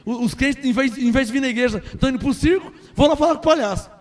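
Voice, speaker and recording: A puzzled, fretful pastor wondering where his flock has gone, as a preacher puts him on. His voice is very high for a man. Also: quick pace. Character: puzzled small-church pastor, grown man.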